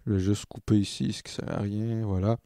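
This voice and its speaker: A man with a Quebec French accent gives an informal software tutorial as a music production tutor, pausing hesitantly as he explains. His fairly low voice is flat in delivery, and the studio-quality recording has no room sound.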